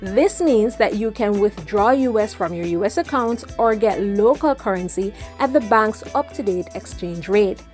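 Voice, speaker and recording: A woman's voice: medium pitch, lively intonation, normal speed, few pauses, a little mellow. A woman narrating a scripted advice vlog in an upbeat, tidy, step-by-step manner. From Jamaica. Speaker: travel vlogger and host. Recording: voice-over with music behind.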